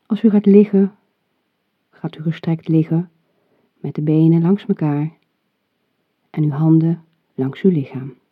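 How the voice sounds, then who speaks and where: A guide for relaxation talks listeners through a meditation, offering measured instructions. Expect a mid-range voice, breathy and soft, calm and soothing throughout, heard through muffled, phone-quality sound that echoes around the room.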